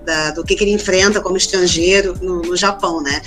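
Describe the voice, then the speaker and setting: A woman's voice: lowish voice, steady tone, fairly quick, fairly bright tone, soft background music. Chatty Brazilian woman telling stories. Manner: chatty storyteller, frequent tag questions. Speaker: guest. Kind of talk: casual interview chat.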